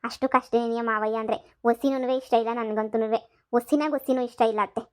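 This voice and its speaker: Woman casting as a wheedling young village maid for a cartoon comedy: high, quick, coaxing. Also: fairly even intonation, natural voice. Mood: confiding. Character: coaxing young village housemaid, sly and sweet-talking.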